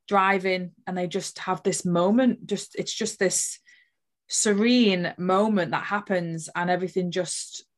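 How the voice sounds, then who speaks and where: A woman earnestly telling a personal spiritual story as an interview guest, emotional and full of fillers. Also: fairly low pitch.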